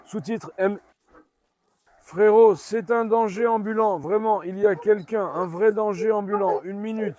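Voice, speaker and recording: A man with a noticeably high voice films a casual farm vlog outdoors. He coaxes and calms his dogs in between remarks to his viewers, and dogs can be heard around him. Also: measured pace. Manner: coaxing and calming dogs while chatting to viewers. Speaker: dog owner filming at his farm. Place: farmyard outdoors.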